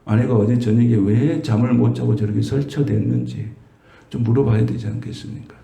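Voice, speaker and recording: A man's voice: medium pitch, fairly even intonation, fairly quick, creaky, mellow. A middle-aged man preaching a sermon, talking conversationally and asking the congregation rhetorical questions. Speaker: pastor. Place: church sanctuary. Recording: echoey church room.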